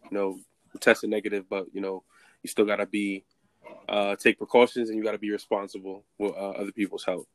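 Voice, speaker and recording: Casual male podcast host: nasal, stuffed-up, slangy, fairly even delivery, very dry recording. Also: lowish voice, brisk, no room sound. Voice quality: nasal, congested. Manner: informal street slang.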